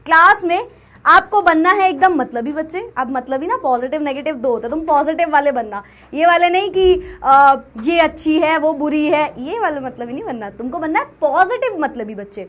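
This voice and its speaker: A woman's voice: high-pitched, expressive, moderate pace, a bit bright. A young woman teaching a live online chemistry class, chatty, repeating herself and checking the chat often.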